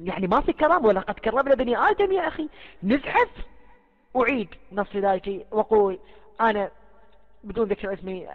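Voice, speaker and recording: A man's voice: high-pitched, fast talker. A man making an impassioned spoken appeal about his faith, emphatic, repeating oaths and phrases, often stumbling and restarting. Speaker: speaker giving a personal religious testimony. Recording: lo-fi, muffled recording.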